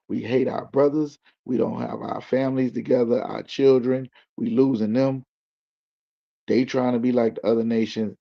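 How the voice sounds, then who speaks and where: A man's voice: on the low side, gravelly, breathy edge. A man speaking as a guest in loose slang, building his points like a preacher. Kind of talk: casual explaining. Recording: dull lo-fi recording.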